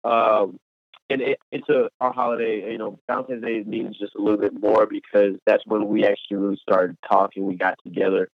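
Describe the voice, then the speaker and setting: Lowish gravelly dude on a crappy low sample rate call, tinny and robotic, super casual slang. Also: male voice, level tone, a little fast, no room sound. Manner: laid-back, slangy, laughs often. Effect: low sample rate, choppy robotic-sounding remote connection. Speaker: podcast co-host. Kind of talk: casual banter.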